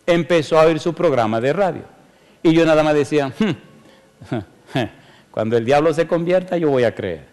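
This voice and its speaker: A man's voice: a little high, animated, normal speed, a little mellow, long reverb tail. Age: adult. Sex: man. Role: preacher. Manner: storytelling, emphatic pleading. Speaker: pastor. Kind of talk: sermon with altar call. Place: church.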